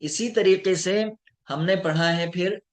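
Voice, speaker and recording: A man teaching an online lesson, slowly drawing out each example word and checking in with his students. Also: sits high. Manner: slow, deliberate, drawing out example words; checks in with students, addressed as sir. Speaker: Arabic teacher.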